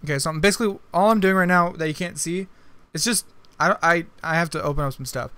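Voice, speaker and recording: A man's voice: fairly high pitch, quick pace, pushed and bright, smooth, no echo. A young man streaming live, chatting casually and answering viewer comments while he works on a video edit.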